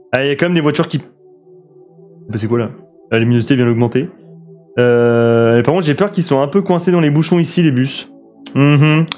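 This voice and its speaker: A young man from France giving lively, swear-filled commentary while building roads in a city game and answering his chat. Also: mid-range voice. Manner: excitable, swears a lot, talks to chat. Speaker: streamer. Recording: faint guitar music behind.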